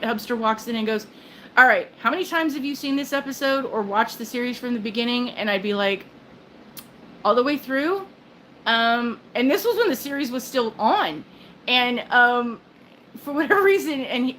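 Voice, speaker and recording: A woman's voice: fairly high pitch, a bit bright, slight background noise, low-quality recording. An older woman hosting a casual livestream chat, rambling along with lots of fillers, restarts and little laughs. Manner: rambling, chatty, self-interrupting with fillers and laughs. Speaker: livestream host. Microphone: phone.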